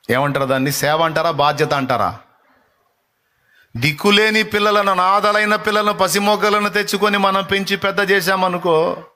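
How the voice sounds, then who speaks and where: A man's voice: high-pitched, pushed and bright. A male preacher giving a fervent sermon, repeating lines for the congregation to echo and acting out taunting voices. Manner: acts out taunting voices and rebukes them.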